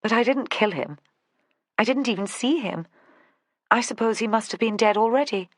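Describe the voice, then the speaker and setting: A woman's voice: fairly high pitch, moderate pace, no room sound, pitched above the performer's own voice, lightly acted. A reader voicing an imperious, brittle upper-class woman with a posh southern English accent and a haughty, airy manner. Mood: calm.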